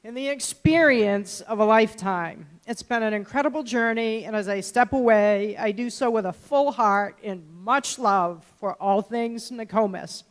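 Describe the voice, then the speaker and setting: A woman's voice: a little high, a little slow, hardly any pauses. A retiring woman principal giving a heartfelt assembly speech on a handheld microphone, her voice catching with emotion. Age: older. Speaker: retiring high school principal. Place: school gym or auditorium. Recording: long reverb of a large hall.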